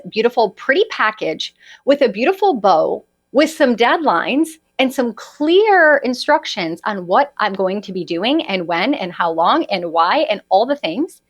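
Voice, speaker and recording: Chatty woman in her thirties, lively pitch. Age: 30s. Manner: chatty, confiding, frequent "right?" asides. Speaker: podcast host and holistic health coach. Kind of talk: solo podcast monologue.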